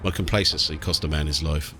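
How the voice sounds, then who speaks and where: Speaking fast in a steady bass, this British let's play host offers laid-back gameplay commentary full of sweary, blokey banter. Game music plays in the small, warm room where he records.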